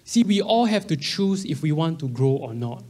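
A man's voice: on the high side, big pitch swings, normal speed, darkish tone. A man in his early thirties with a Singaporean accent, giving a conversational sermon in colloquial Singlish, full of local particles and slang. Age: early 30s. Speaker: preacher.

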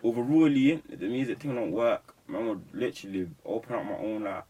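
A man's voice: medium pitch, a little fast, mellow, breathy edge. A young man with a London roadman accent, talking emphatically and preachily in heavy street slang in a casual interview. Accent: London roadman, urban slang. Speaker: rapper being interviewed. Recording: slightly distant microphone.

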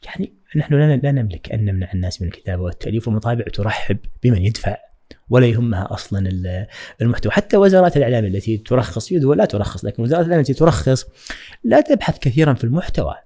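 A man, a writing trainer speaking as a podcast guest in a measured, reflective way with frequent hesitations. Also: medium pitch, very animated, mellow. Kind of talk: podcast interview.

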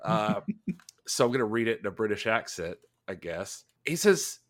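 A man's voice: on the low side, moderate pace. A man hosting a podcast, reading reviews aloud with dramatic emphasis in a casual chat. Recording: echoey room.

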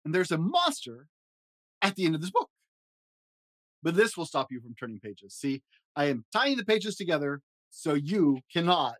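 A man's voice: a little high, big pitch swings, moderate pace, fairly bright tone, no room sound. A man voicing a lovable, nervous furry monster who begs and frets in a storybook reading. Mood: explaining. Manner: fretful, begging, dramatic exclamations.

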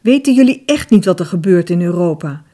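A woman's voice: lowish voice, lively intonation, a little fast, warm tone, faint music behind. A woman voicing an angry eldest son. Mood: agitated. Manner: insistent, raised voice. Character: young man, eldest son, angry and urgent.

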